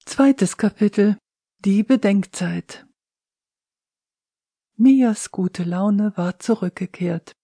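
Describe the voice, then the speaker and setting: A woman narrating her own novel in a measured, unhurried audiobook reading. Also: medium pitch, dark tone, breathy edge, dry recording, clean studio sound.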